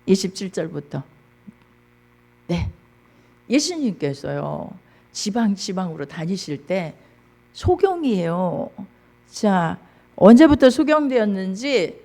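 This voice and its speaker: Animated woman pastor preaching. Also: medium pitch, creaky. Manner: animated preaching, reads scripture aloud, calls out to the congregation. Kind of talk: sermon.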